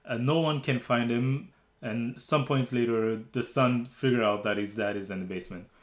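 In an echoey room, a man with a mid-range voice and fairly even delivery talks at a moderate pace. He co-hosts a conversational movie review show, reflecting aloud with hesitant fillers and false starts.

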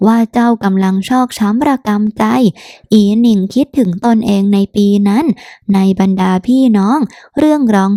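A woman narrating a novel in a steady, even storytelling manner, close to the mic. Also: a little high, no echo. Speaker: audiobook narrator.

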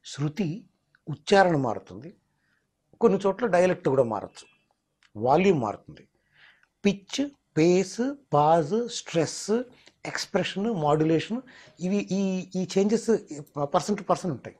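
A man's voice: sits high, animated, unhurried, long pauses, darkish tone, slightly rough. A mimicry artist, explaining his craft in an interview and slipping into demonstration voices. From Telangana, India.

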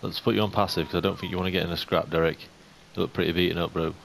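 A young man giving casual game commentary, chatting to the animals in the game and getting jumpy and excitable. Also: deep voice, racing, vocal fry. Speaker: gaming YouTuber. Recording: faint hiss.

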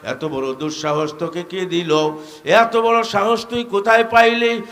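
A man's voice: high-pitched, level tone, unhurried, fairly bright tone, in a large hall. A preacher acting out a boastful tyrant king. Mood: menacing. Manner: scolding, boastful. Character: arrogant tyrant king, threatening a woman servant.

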